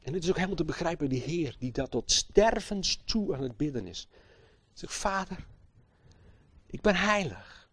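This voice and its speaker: Male preacher, sermon, goes quiet then loud and emphatic, asks the crowd questions, dry close sound. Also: on the high side, lively intonation, brisk, breathy edge, no echo. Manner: impassioned, swinging from hushed to loud; emphatic, rhetorical questions to listeners.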